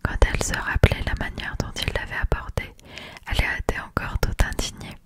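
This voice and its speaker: Soft whispered ASMR novel reading. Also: brisk. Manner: soft unvoiced whisper throughout. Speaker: audiobook-style reader.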